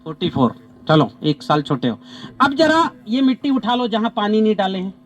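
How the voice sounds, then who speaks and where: A man leading a natural farming training outdoors on farmland, animated and repeating short commands to participants. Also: sits high, fairly quick. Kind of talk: live outdoor demonstration with participants. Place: outdoors on farmland under trees.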